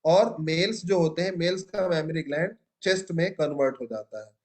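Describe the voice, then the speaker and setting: Man, young adult, high voice, classroom lecture, quizzes and praises students. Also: normal speed. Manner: asks questions and praises students. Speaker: teacher.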